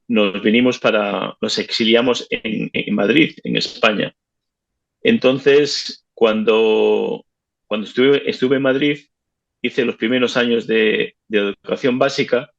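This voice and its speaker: A man in his fifties, born in Cuba, telling his life story in a casual interview, halting and repeating words as he recalls. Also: mid-range voice, highs cut off. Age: 50s. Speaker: interview guest, retired teacher.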